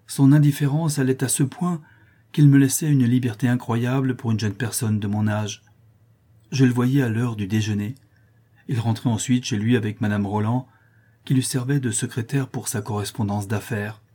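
A man reading a classic novel aloud in a measured, literary narration. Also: medium pitch, warm tone, husky. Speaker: audiobook reader. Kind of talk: scripted narration.

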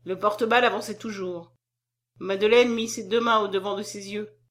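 A woman narrating a classic novel in a steady, measured storytelling voice. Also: mid-range voice. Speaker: audiobook narrator.

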